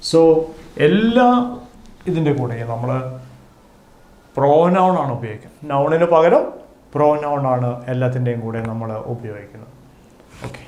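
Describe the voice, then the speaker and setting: A Kerala-accented man gives a classroom grammar lesson, slowly repeating each example. His voice sits a little high and swings widely as he leans on every question tag. It is recorded in an echoey room. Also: a little mellow. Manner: slow, repeats each example, stresses the tags. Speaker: spoken English teacher.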